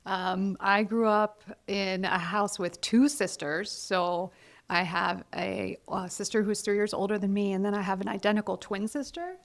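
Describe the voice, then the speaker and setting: A woman's voice: medium pitch, moderate pace, creaky. A woman in her forties from Ohio, a guest in a casual interview, talking candidly and with self-deprecating humor. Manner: candid, self-deprecating, quotes others in lively voices. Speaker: guest, college counselor.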